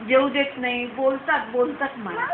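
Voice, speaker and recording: Older lady whining and complaining again and again, high voice, tinny phone sound. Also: normal speed. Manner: whiny complaining, repetitive. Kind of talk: casual family chat. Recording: echoey room on a tinny phone with background noise.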